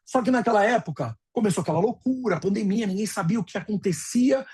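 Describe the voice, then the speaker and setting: A man's voice: high voice, animated, fast, darkish tone, slightly rough. A Brazilian man in his forties giving a conversational webinar lecture as a dental practice consultant, checking in with his listeners often and telling personal stories. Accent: Brazilian Portuguese. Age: 40s. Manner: conversational, checks in with frequent tag questions, tells personal stories.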